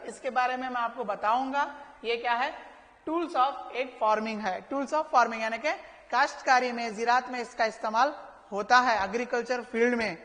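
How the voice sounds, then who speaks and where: Patient teacher, echoey room. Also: female voice, fairly high pitch, fairly bright tone. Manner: slow, patient explaining with rhetorical questions to pupils; reads English sentences slowly and carefully. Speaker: school English teacher. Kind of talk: recorded online class for children.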